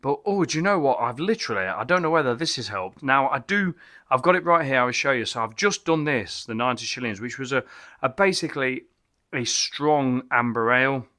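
A man's voice: medium pitch, expressive, a little fast, pushed and bright. A middle-aged man reviewing beer in his small home bar, talking enthusiastically and rambling, with many restarts and exclamations. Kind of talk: casual beer review vlog. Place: small home bar cabin with bottle shelves, indoors.

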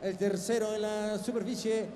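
A man's voice: high-pitched, flat delivery, fairly quick, mellow. An older man, announcing theatrically in Spanish like a lucha libre ring announcer, stretching out names on a handheld microphone. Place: large indoor boxing arena, in the ring. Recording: echoey arena PA with long reverb, faint noise.

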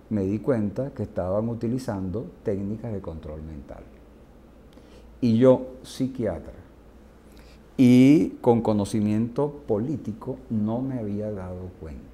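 Venezuelan man, psychiatrist, lowish voice, warm dark tone, vivid storyteller. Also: creaky, a little hiss or hum. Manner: vivid storyteller, acts out quoted speech. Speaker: psychiatrist guest. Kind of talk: storytelling interview answer.

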